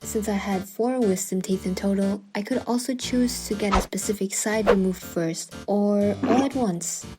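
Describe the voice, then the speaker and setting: A woman's voice: medium pitch, normal speed, hardly any pauses. A woman narrating a scripted personal story as a voice-over, with wry, self-deprecating and dramatic asides. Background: music behind the voice.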